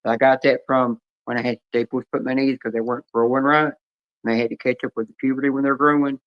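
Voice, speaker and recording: A man's voice: medium pitch, level tone, fast. Rambling man on a stream. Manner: rambling, chatty storytelling. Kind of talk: casual chat. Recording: dull lo-fi stream audio.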